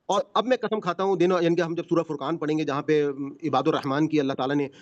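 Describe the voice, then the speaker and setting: A man's voice: a little high, steady tone. A man teaching a Quran class over a video call, explaining patiently. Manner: patient explaining, frequent "basically" and "yani ke". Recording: muffled video call audio.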